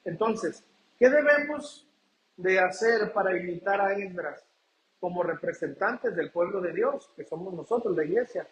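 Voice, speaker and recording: A man's voice: high voice, lively intonation, a little slow, a little hiss or hum. A man from Mexico preaching a sermon, often calling out to the congregation and asking rhetorical questions. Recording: echoey church room.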